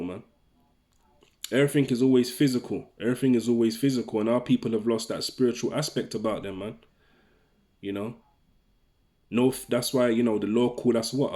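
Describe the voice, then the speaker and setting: A man's voice: mid-range voice, a little mellow. A man preaching informally, reading scripture and tagging his lines with "man" and "right?". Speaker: religious teacher.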